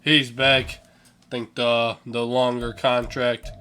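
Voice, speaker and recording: A young man talks his way through a sports video game in a slow, drowsy drawl, tossing out casual swears and mumbling over names. His voice has a bright edge, and soft music plays underneath. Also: mid-range voice, level tone. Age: young adult. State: sleepy, yawning. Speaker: gaming channel host. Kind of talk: casual gameplay commentary.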